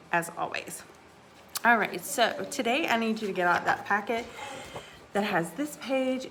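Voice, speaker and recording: Patient, encouraging second grade teacher. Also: female voice, medium pitch, fairly bright tone, a little hiss or hum. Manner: patient, encouraging, sounds words out slowly. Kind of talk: recorded home lesson for young children. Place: indoors, hanging out away from classroom.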